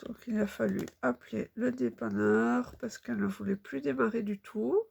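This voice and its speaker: A woman in her thirties chatting casually while she stitches, unhurried and full of fillers. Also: fairly high pitch, steady tone, gravelly, a little mellow, breathy edge. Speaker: cross-stitch vlogger.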